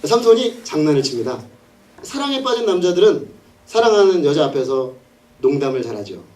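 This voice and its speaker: A male pastor preaching an animated sermon, telling the story with laughs and acted-out scenes. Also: a little high, brisk, recorded from a distance.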